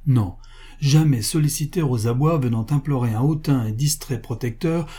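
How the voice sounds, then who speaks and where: Husky-voiced male audiobook narrator. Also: mid-range voice, moderate pace. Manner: steady, formal narration. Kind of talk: reading a classic novel aloud.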